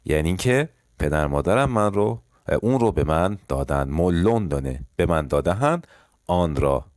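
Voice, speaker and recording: A man teaching French phrases, explaining them in Persian and reading each French sentence slowly and more than once. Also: sits low, animated, a little mellow, no room sound, studio quality. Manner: addresses learners casually as kids. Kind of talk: language lesson explaining phrases.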